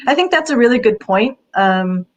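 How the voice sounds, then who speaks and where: A woman's voice: on the high side, expressive, normal speed, rough recording. A woman career counselor giving casual advice in an interview, talking in a chatty way with many fillers.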